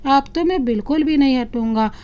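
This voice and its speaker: A woman's voice: high-pitched, brisk, warm tone, highs cut off, close to an everyday voice. A woman voicing a loving, playful young husband who teases his wife affectionately, in a storybook reading. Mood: teasing. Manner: teasing, affectionate.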